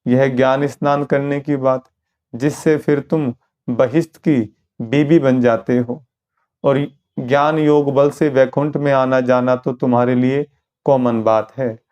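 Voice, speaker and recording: A man explaining a spiritual lesson as a sermon, steady and explanatory, asking rhetorical questions. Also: mid-range voice, measured pace, clear, resonant tone. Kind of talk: sermon commentary.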